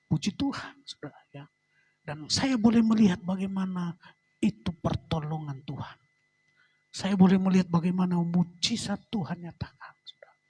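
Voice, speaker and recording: A middle-aged man, a pastor, giving a personal testimony in church and ending phrases with a soft, trailing address to the congregation. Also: fairly high pitch, breathy edge. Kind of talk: sermon testimony.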